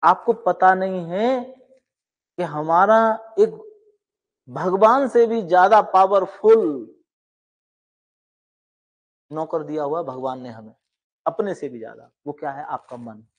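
Middle-aged male coach, earnest motivational talk to students, voice sits a little high, emphatic. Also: slow pace, pauses often. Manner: earnest, lively and emphatic, with rising emphatic lines and quiet asides. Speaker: law exam coaching teacher.

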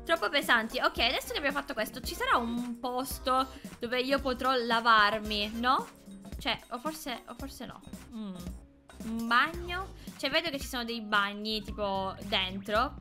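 A young woman gamer chatting to her viewers while playing, excitable and talkative. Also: on the high side, moderate pace. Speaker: gaming YouTuber. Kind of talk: let's play commentary. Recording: game music behind.

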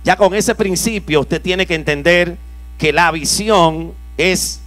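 Fervent preaching pastor, dry close sound. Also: male voice, dry recording. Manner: preaching with call-and-response prompts to the congregation; reads scripture slowly, dropping low and soft. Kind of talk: sermon. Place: church conference hall.

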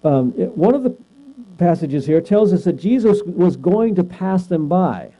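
In a lo-fi recording with mains hum, a man leads a Bible class in a relaxed, conversational style, frequently quizzing his students and asking "right?". His voice sits high and has a dark tone, with lively intonation and a measured pace.

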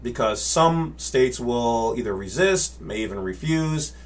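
Talking casually to his desk webcam, this channel host, a man in his forties, uses a medium-pitched, expressive voice that runs a little slow. He gestures as he explains and checks in with "okay?" and "all right?" from a home office filled with bookshelves and monitors.

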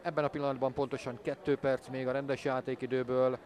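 A man giving measured live commentary on a football match. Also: mid-range voice, level tone, a little mellow. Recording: crowd noise from stadium. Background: stadium crowd.

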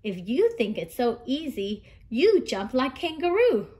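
A woman doing a cheeky, high-voiced male monkey. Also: sing-song, a little slow, a little mellow. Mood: teasing, challenging.

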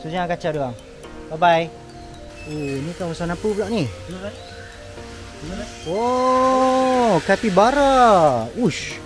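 A man with a Malaysian Malay accent, chatting excitedly to viewers on a walking tour vlog through an outdoor petting zoo. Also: high voice, takes it slowly, pauses often, over music. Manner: chatty, excitable, keeps addressing viewers as guys. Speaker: vlogger.

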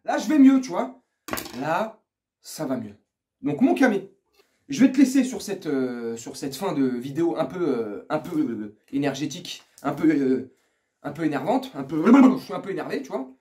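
A man rants about his football team in a vulgar, furious vlog. His voice sits high and jumps between low grumbling and outright shouting. He talks through a small earphone microphone. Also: expressive, moderate pace. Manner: vulgar, ranting, swings from muttering to shouting. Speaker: football fan vlogger. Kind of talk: angry football rant. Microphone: earphones mic.

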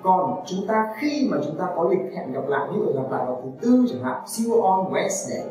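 A woman teaching an online English lesson, patiently repeating model phrases slowly for learners to copy. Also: lowish voice, big pitch swings, warm tone. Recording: echoey room, mic at a distance, faint music.

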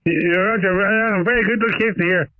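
A man from Ireland, heard over a shortwave radio as a ham operator, speaking in steady radio procedure and ending each turn with "over.". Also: sits high, brisk, no echo. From Northern Ireland. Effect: heard over a shortwave radio receiver. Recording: tinny narrow-band radio signal.

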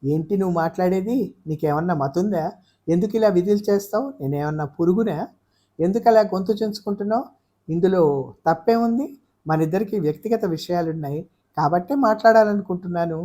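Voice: medium pitch, normal speed, mellow, natural voice. A reader voicing a hurt young man who pleads bitterly in an audiobook of a novel. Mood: indignant. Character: wounded young man pouring out grievances. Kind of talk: audiobook character voice.

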